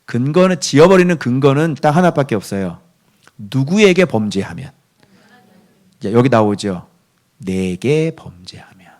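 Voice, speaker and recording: Male pastor, devotional sermon, lively swooping pitch, keeps checking in with the congregation, whispers scripture quotes. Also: normal speed, long pauses. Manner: asks the listeners for constant agreement, answers himself.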